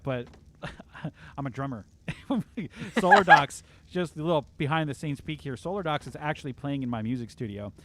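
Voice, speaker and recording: A man's voice: mid-range voice, fairly bright tone. Chatty upbeat man hosting a game stream. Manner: chatty, upbeat, reads viewer comments aloud. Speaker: livestream host. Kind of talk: casual live-stream chat. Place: home.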